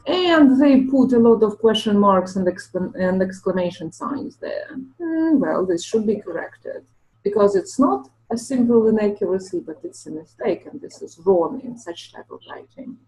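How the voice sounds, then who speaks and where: A woman hosts a panel of language teachers. Her voice is mellow and relaxed, and she speaks in a measured way, pausing often to think aloud. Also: medium pitch, low-quality recording. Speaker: webinar host.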